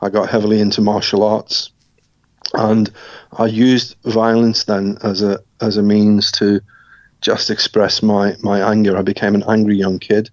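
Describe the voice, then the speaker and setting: Low flat-voiced man telling his story. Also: no room sound, muffled recording. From Scotland. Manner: reflective, measured, with frequent restarts. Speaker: interview guest. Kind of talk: personal life story in an interview.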